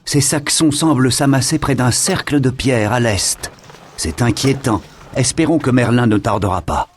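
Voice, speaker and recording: A man playing a grave, worried advisor to a medieval king in a strategy game, speaking in a slow, measured, solemn way. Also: medium pitch, slight background noise, lightly acted. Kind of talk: scripted game narration.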